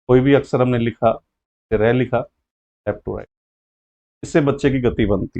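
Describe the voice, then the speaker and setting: A man's voice: mid-range voice, a little mellow. A male teacher patiently explaining a lesson step by step, often repeating key points.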